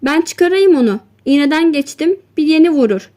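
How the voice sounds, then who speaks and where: A woman's voice: sits high, animated, moderate pace, dark tone, voice pushed up. A woman reading a blunt old fisherman. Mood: matter-of-fact. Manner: blunt short replies. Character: old male fisherman, gruff and practical.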